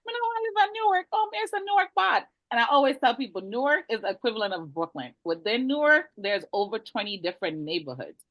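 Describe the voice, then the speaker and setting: On a video-call webinar panel, a realtor with a Jamaican accent talks bluntly and colloquially with lots of animation. Her pitch is fairly high and she moves quickly with few pauses, and the audio has no room sound.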